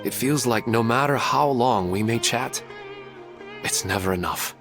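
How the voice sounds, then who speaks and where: A gentle, wistful husband who speaks quietly and tenderly, played by a man. His voice sits at a middle pitch. Faint game music plays beneath him. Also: a little slow, natural voice. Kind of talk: video game dialogue. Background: game soundtrack music.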